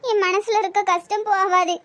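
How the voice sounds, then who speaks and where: A woman's voice: very high-pitched, flat delivery, moderate pace, fairly bright tone. A woman voicing a grieving, self-blaming elderly grandmother in a cartoon, speaking with a Tirunelveli Tamil accent in a tearful, lamenting way. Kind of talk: cartoon voice acting.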